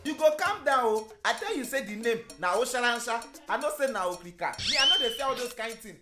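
A man with a Nigerian Pidgin accent playing a clothes seller, haggling and teasing, calling out loudly. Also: extremely high pitch, expressive, fast talker, roomy sound, loud music behind the voice. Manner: haggling, teasing, loud calls. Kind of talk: comic skit acting.

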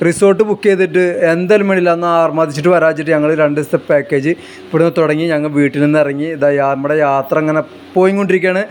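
A travel vlogger with a northern Kerala Malabar accent narrates enthusiastically in Malayalam, mixing in English words and repeating a catchphrase. His voice is fairly high with a darkish tone, and music runs under it.

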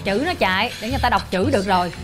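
A woman's voice: medium pitch, very fast, over music. An actress in a sitcom playing a wife who scolds her husband in an exasperated, nagging way. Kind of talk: sitcom acting.

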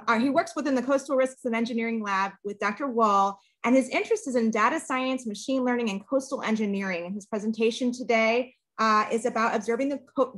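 Woman hosting a webinar. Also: on the high side. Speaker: webinar host. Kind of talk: introducing a speaker. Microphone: video call.

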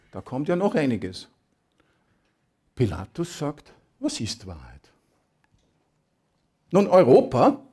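A man's voice: medium pitch, warm tone, husky. A man giving an emphatic sermon that explains scripture. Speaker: preacher. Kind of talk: Bible exposition sermon.

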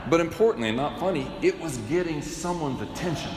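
A middle-aged man preaching a sermon from a cathedral pulpit, measured and wryly humorous, often asking rhetorical questions. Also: a little high, animated, loud music behind the voice. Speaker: bishop preaching. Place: large cathedral, indoors. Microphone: pulpit microphone. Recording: echoey cathedral with long reverb.

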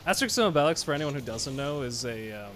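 A man's voice: medium pitch, animated, quick pace, fairly bright tone, slight background noise. A young man streaming a game, talking casually in a rambling, conversational way. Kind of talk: casual livestream chat. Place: small indoor room at home.

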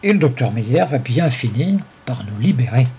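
A man's voice: medium pitch, sing-song, normal speed, dark tone, slightly rough. A man voicing a skinny, cunning, scheming grown man in a read-aloud story, sly and sneering. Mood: calculating.

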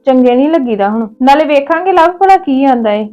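A woman with a Punjabi accent plays a resentful sister-in-law in a family drama, curt and sharp with her visitor. Her voice sits high, animated and a little fast, with the highs cut off.

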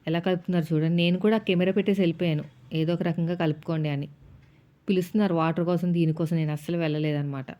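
Mellow-voiced woman telling a home vlog story. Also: on the low side, fairly even intonation, quick pace. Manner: chatty storytelling, quoting family arguments. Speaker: vlogger, housewife. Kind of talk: casual vlog narration. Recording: dull lo-fi sound.

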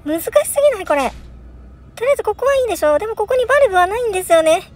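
Very high-voiced woman, excitable game streamer. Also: very fast. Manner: excitable, crying out in alarm with repeated panicked exclamations; thinks aloud, puzzling through moves. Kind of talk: first-play horror puzzle game commentary.

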